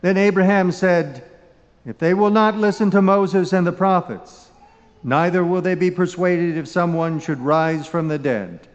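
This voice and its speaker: A man reading the Gospel at Mass in a solemn, measured, formal way, his voice echoing as in a cathedral. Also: high-pitched. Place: large reverberant church. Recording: dull recording with long cathedral-like echo.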